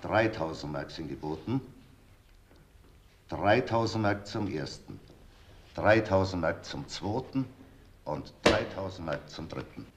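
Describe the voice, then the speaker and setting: An actor playing a middle-aged auctioneer, calling out bids in measured, formal phrases in a TV drama. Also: male voice, low voice, animated, exaggerated voice. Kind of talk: screen drama acting. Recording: faint background noise, old TV soundtrack.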